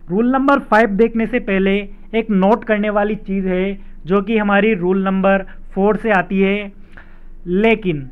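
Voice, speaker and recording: Step by step, a male English teacher explains spelling in a high, smooth voice. He slows down on each rule and goes over it again with examples, and the recording sounds dull and lo-fi.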